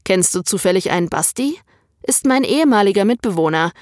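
A woman voicing a hesitant, friendly young man in an audiobook story, softly and unsure. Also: medium pitch, animated, brisk, dry recording, studio quality, natural voice. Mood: apologetic. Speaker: story character.

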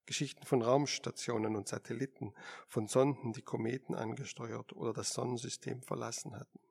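A man giving steady scripted narration of a science fiction audiobook. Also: mid-range voice, brisk, gravelly. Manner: steady storytelling.

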